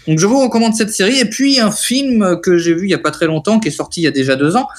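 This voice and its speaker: A man's voice: sits high, lively intonation, fast. A man co-hosting a casual chat, hesitant with many restarts and dry jokes. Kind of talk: casual chat among friends.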